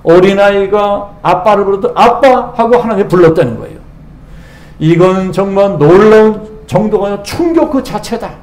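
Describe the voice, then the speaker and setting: A man's voice: high-pitched, expressive, normal speed, a little mellow. A male senior pastor preaching a Sunday sermon with emphatic delivery, putting rhetorical questions to the congregation. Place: church sanctuary. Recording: echoey church sanctuary.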